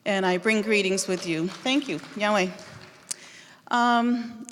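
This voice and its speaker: A woman in her late fifties from Western New York giving an earnest, measured speech as a board candidate at a convention. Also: medium pitch, a bit bright, a little hiss or hum. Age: 50s. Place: large convention hall. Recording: long hall reverb.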